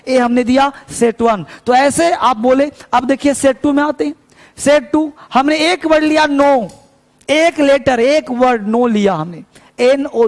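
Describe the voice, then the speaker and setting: A man with a very high voice teaches simple English phrases, repeating each one patiently. He keeps asking his students whether they are following. His voice rings out in a room with a long reverb. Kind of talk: spoken English lesson.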